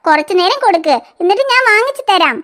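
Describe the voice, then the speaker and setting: A woman's voice: very high-pitched, lively intonation, fast, a bit bright. A woman voicing a busy young mother in a cartoon, firm and scolding toward her children. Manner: scolding, threatening tone. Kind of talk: cartoon voice acting.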